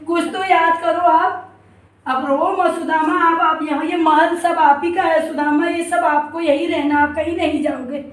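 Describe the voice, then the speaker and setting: Lady doing krishna in a devotional story, begging his old friend, high voice, roomy sound from afar. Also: steady tone, measured pace, recorded from a distance. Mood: pleading. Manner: emotional, repeats the friend's name, coaxing. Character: young male god Krishna, loving, pleading with old friend.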